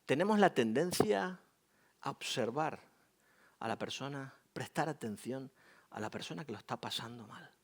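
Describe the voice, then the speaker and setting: A middle-aged man with a Spanish accent from Spain preaching a sermon as pastor, animated and joking in a conversational way. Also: medium pitch, moderate pace.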